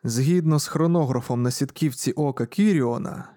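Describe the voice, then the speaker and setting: A man reading a science-fiction audiobook in scripted narration, even and measured. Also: medium pitch, no echo, clean studio sound.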